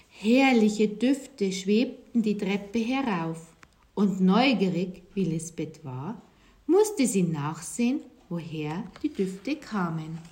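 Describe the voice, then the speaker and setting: A woman reading a children's story aloud in an expressive storytelling voice. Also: medium pitch.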